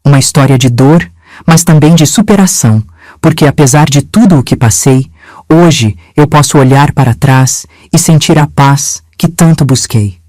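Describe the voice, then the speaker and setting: A woman in her seventies from Minas Gerais, narrating her own life story in a gentle, measured, confiding way. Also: sits low, no echo. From Minas Gerais, Brazil. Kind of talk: scripted first-person storytelling.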